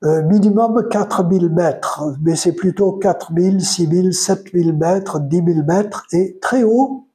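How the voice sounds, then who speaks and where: An older retired man with a Provençal French accent, musing in a casual solo monologue, pausing often with fillers. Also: high voice, warm tone. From France. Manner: hesitant, many pauses and fillers; unhurried, chatty. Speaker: retired commentator.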